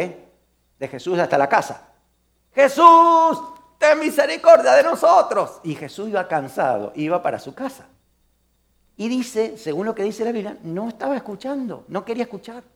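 A male pastor delivers a sermon in a fairly high voice. He is animated and keeps turning to his congregation with questions. Now and then he slips into the voices of the people in his story. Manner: animated, asks the congregation questions, acts out voices of Bible figures.

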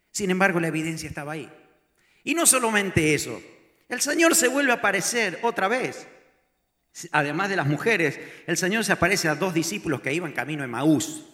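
A man preaching a sermon, retelling scripture as animated storytelling and acting out the voices of the people in it. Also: a little high, roomy sound.

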